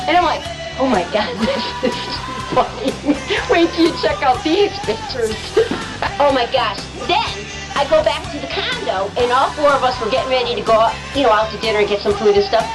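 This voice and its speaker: A woman casually telling an excited travel story, acting out what people said with big jumps in her voice. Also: a little fast, loud music behind the voice, poor audio. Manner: animated, excitable, acts out quotes with big pitch jumps.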